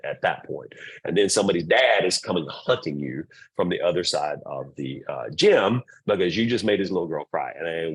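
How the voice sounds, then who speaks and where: A man's voice: fairly low pitch, breathy edge. A middle-aged man presenting to volleyball parents, blunt and repetitive, acting out quoted remarks. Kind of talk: parent orientation talk.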